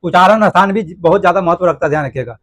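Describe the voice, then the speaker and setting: High-pitched male teacher. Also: racing, a bit bright, no room sound. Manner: repetitive, asks students questions and answers them himself; affectionate address to students. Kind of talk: classroom grammar lesson.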